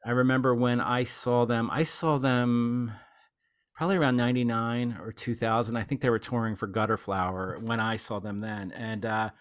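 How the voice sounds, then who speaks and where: A male podcast host chats casually and rambles eagerly about music he loves, saying "you know" a lot. His voice is medium-pitched and smooth, with a flat delivery at a moderate pace.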